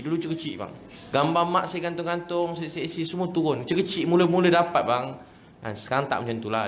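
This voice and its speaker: A man's voice: medium pitch, fairly bright tone, slight background noise. A man with a Malaysian Malay accent preaching a storytelling sermon, emotional and acting out the voices in his story while speaking straight to his audience. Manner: emotional, acts out quoted voices, addresses audience directly.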